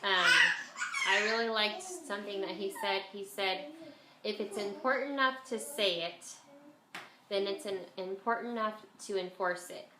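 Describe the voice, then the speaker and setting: A woman's voice: medium pitch, normal speed, sharp tone. Congested woman vlogger, nose-pinched nasal sound. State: has a bit of a cold. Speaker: homeschool vlogger and mother. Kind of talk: casual chat to camera. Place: at home, indoors. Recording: echoey room, faint background noise.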